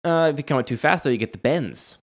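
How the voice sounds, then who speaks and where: A man's voice: fairly high pitch, expressive, quick pace. A man co-hosting a casual conversation, working through his argument and laughing often. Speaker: podcast co-host.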